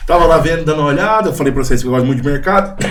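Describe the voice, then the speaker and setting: A young Brazilian man, a missionary guest, chatting casually and telling lively stories, acting out the voices of people in them. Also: on the high side, quick pace, a crowd in the background. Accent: Brazilian Portuguese. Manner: animated storyteller, acts out quoted voices. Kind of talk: casual chat.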